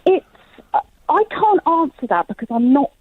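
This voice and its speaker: A woman's voice: high-pitched, big pitch swings, moderate pace, dry recording. A woman calling in to a radio show, earnest and a little hesitant with her words. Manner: earnest, hesitant, full of fillers. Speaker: caller. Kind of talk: phone-in call. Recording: tinny phone line.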